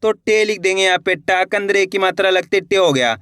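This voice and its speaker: A high, bright male voice teaches spelling to beginners. He breaks each word into syllables and repeats it patiently. The sound is smooth and dry, close to the mic. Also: a little fast, no echo. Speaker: Hindi teacher.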